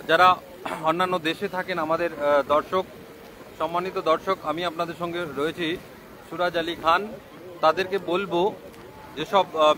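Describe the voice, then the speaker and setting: High-voiced man reporting live amid loud sea wind. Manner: repetitive explanatory delivery with hesitant pauses. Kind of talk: live news commentary to online viewers. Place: outdoors on a sea beach. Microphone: mobile phone. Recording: noisy outdoor live stream, roaring sea wind. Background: roaring waves and wind.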